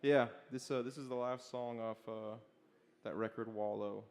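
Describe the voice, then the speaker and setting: Young male musician guest, twenties, relaxed and halting, low and gravelly. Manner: laid-back, laughing, halting with fillers. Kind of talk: casual interview chat. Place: livestream studio session.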